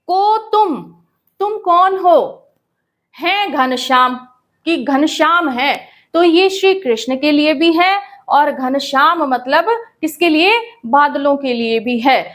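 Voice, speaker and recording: A woman teacher explaining a grammar lesson patiently, often checking in with the class and reading verse lines slowly. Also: high-pitched, fairly bright tone. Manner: calls students "बेटा".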